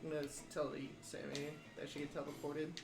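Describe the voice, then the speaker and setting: A man plays a tabletop game in a fairly high voice, blunt and eager and quick to swear. He sounds roomy and echoey. Loud music plays behind him. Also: completely flat delivery, creaky. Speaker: player. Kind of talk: casual tabletop play.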